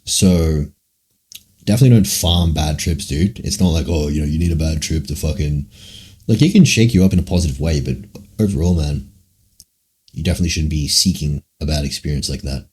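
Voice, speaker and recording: A man's voice: a bass voice, a little fast, darkish tone, breathy edge. A young man livestreaming, answering chat questions in a rambling, profane, casual way, full of "like" and "man".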